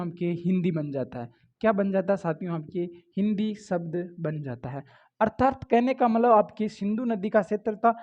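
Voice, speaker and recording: Man teaching, quizzing himself aloud. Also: sits high. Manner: repeats questions to students and answers them himself. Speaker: Hindi grammar teacher. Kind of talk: exam-prep lecture. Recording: dull lo-fi audio.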